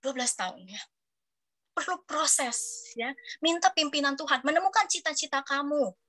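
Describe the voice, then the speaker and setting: Speaking at a normal speed, a woman in her thirties preaches a lively youth sermon in a high, bright, forceful voice. Animated and conversational, she keeps drawing the young crowd in by asking them questions.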